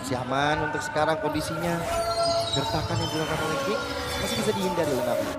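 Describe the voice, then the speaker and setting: A man with an Indonesian accent calling esports play-by-play like an excited fighting game announcer, with dramatic, urgent delivery. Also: on the high side, very fast. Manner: dramatic, urgent calls of the action. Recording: loud music and crowd behind commentary. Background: loud music and crowd noise.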